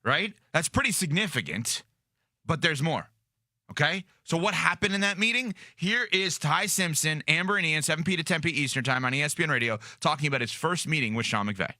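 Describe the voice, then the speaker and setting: Guy hosting sports talk, chatty and punchy, crisp bright voice, dry close sound. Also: a little high, lively intonation, brisk, no room sound. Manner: chatty, emphatic setup of clips.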